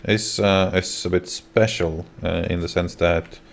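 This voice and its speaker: A man's voice: sits low, steady tone, measured pace, creaky, a little hiss or hum. A man hosting a livestream, talking casually to his viewers and guests. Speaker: livestream host.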